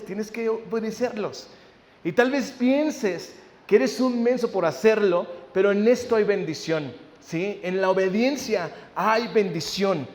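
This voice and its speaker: A male pastor, preaching a sermon, often checking in with listeners and acting out family conversations. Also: high-pitched. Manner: acts out family dialogue in anecdotes. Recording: long hall reverb.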